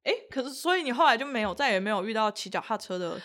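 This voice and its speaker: A woman's voice: fairly high pitch, expressive, rapid-fire, fairly bright tone. A woman co-hosting a casual podcast, teasing with playful interjections. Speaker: podcast co-host. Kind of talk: casual chat.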